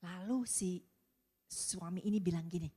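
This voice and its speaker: A woman pastor preaching to a women's service, telling a story with animated, rising emphasis. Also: fairly low pitch, normal speed, slightly rough. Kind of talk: sermon with storytelling.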